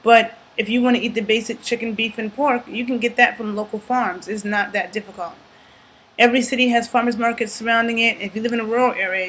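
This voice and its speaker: Emphatic woman with a bright voice. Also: medium pitch, low-quality recording. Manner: earnest, emphatic, checks in with "okay?"; thinks aloud with fillers and restarts. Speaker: YouTube commentator. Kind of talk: casual talking-to-camera commentary.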